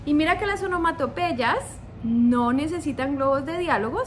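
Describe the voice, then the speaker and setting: Slow, high-voiced playful woman teacher. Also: a bit bright, slight background noise. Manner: playful, coaxing, checks in with the viewer. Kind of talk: video lesson for young writers.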